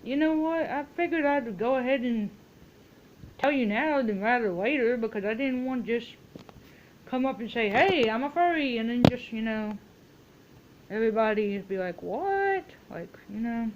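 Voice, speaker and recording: A woman's voice: fairly high pitch, moderate pace, muffled recording, background noise. A woman in a casual, rambling phone chat, telling stories and quoting herself and other people as she goes. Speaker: vlogger making a phone call.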